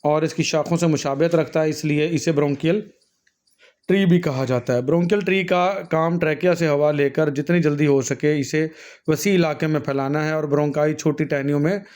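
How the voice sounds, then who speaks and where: A man's voice: a little high, steady tone, fairly quick, darkish tone. A man giving a patient classroom lecture on anatomy, talking students through diagrams, often calling them "beta", with frequent fillers and self-corrections. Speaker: nursing and health teacher.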